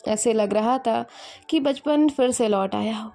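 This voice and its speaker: Woman storyteller, somewhat high voice, faint music underneath, reads all roles herself. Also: a little slow, creaky, mellow. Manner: voices all characters in the same lightly acted tone. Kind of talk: scripted story narration.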